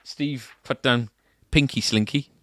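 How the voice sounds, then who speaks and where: In casual conversation inside a guitar shop, a male podcast co-host speaks with a mid-range, slightly bright voice at a measured pace, with no echo. Many of his remarks finish on a tag question.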